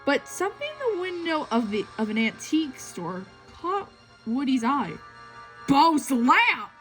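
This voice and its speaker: Over music, a woman with a high, sing-song voice reads a children's story aloud at a measured pace, occasionally tripping over a phrase and rereading it. The recording is rough.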